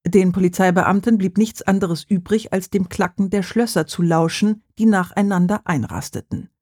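A husky, slightly breathy voice reads a crime novel calmly and steadily. The sound is dry and close, with no room around it. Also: mid-range voice, normal speed, no echo. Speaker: audiobook reader.

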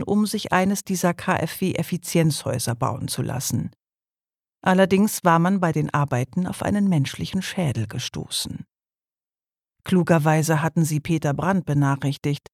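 A man reading a crime novel aloud as an audiobook narrator, in measured storytelling. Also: a little high, creaky, dry recording, studio quality.

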